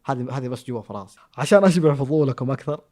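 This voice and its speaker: A man's voice: medium pitch, very fast. A man with a Hejazi Saudi accent, a content creator answering follower questions in playful, teasing chat. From Saudi Arabia, Jazan. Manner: playful, teasing, jumps between loud bursts and mutters. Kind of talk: casual chat.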